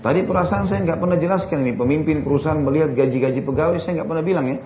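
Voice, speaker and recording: A man's voice: fairly high pitch, racing. A man preaching and answering religious questions in a jokey lecture full of rhetorical questions. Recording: dull recording, faint crowd and noise.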